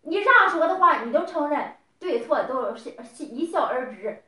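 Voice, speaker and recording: A woman's voice: high-pitched, expressive, moderate pace, bright, forceful tone, echoey room. A middle-aged woman scolding someone in a heated family argument, lecturing and firing off repeated questions.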